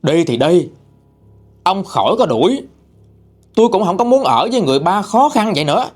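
A man's voice: sits high, very animated, fairly quick, a little mellow, pitched above the performer's own voice. A man voicing a rebellious young son angrily talking back to his father in a spoken ghost story. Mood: defiant.

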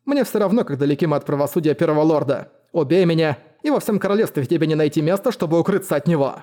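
A man's voice: fairly high pitch, animated, fast talker, dark tone, natural voice. A male narrator voicing a cold, commanding woman who rules her estate, with an icy, stern delivery.

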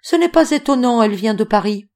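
A woman reading an audiobook voices a spirited, ingenuous young woman who speaks in bright, playful exclamations. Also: on the high side, animated, fairly quick, voice pushed up. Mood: teasing.

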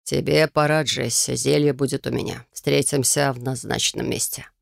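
A reader voicing a kind male magister, a mentor who talks calmly and softly. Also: mid-range voice, moderate pace, vocal fry, no echo, studio quality. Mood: playful.

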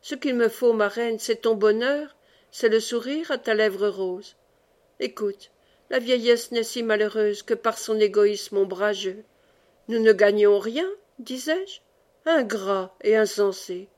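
A woman's voice: fairly high pitch, slow pace, darkish tone. A woman reading the part of an old exiled nobleman, a doting father who speaks with fervent emotion.

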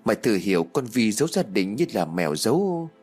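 A man voicing a proud young woman pleading with her friend in an audio story, with a husky tone. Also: on the low side, sing-song, a little fast, a little mellow, faint music behind. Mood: tearful pleading.

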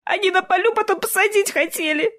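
A woman's voice: on the high side, animated, moderate pace, pitched above the performer's own voice. Woman doing a frightened young peasant girl. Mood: tearful, indignant. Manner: plaintive, breathless, tearful.

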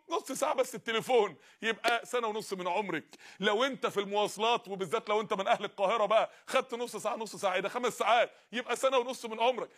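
A man's voice: sits high, fairly bright tone. A man with an Egyptian accent giving a sermon as a preacher, pleading with his listeners and speaking with passion. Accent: Egyptian Arabic. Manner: impassioned, pleading with the audience.

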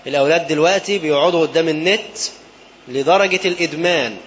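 A man's voice: on the high side, quick pace. An Egyptian man preaching a sermon, telling a story and throwing rhetorical fill-in questions at his listeners. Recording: dull lo-fi recording with faint background noise.

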